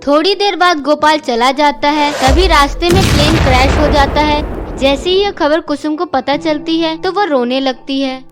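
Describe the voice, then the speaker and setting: High-voiced woman narrating a cartoon story. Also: normal speed, loud music behind the voice.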